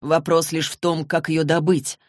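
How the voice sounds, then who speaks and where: A woman's voice: sits low, little pitch movement, normal speed, dry recording, natural voice. A woman voicing a young male warrior who talks in a dry, teasing way. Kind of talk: audiobook character reading.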